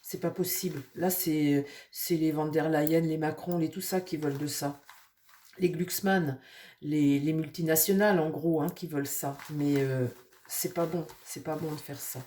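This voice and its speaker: A woman with a cold who talks through her nose, rambling casually with many fillers while reading tarot for her viewers and speaking softly to her cards. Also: sits low, steady tone, moderate pace. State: nasal from a cold. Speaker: tarot reader.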